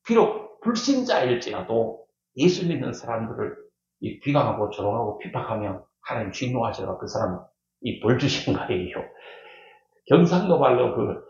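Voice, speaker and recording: A man's voice: medium pitch, darkish tone. A male pastor, likely middle-aged, preaching a sermon in a church. He talks emphatically, repeats key words and puts questions to the congregation. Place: church sanctuary. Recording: echoey church hall, dull lo-fi sound.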